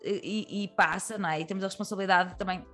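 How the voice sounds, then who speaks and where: A woman's voice: medium pitch, steady tone, quick pace, pushed and bright, faint music behind. A woman with a European Portuguese accent, a comedian talking candidly as a guest, rambling through many fillers and restarts. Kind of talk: candid podcast conversation.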